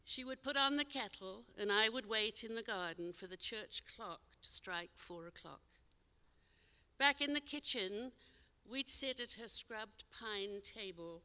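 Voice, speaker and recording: An older woman telling a personal memory in a measured, gentle storytelling manner, her phrase endings trailing off softly. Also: fairly high pitch. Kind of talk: told personal memoir on stage. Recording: long hall reverb.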